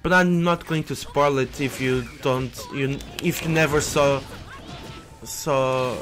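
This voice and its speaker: A man's voice: medium pitch, fairly even intonation, slow, fairly bright tone. Young man, let's-play commentary, rambling restarts, headset mic, faint game music. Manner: rambling, many restarts and repetitions, exclaims at the game. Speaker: gameplay commentator. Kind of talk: casual let's-play commentary, reading on-screen text aloud. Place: indoors at his computer.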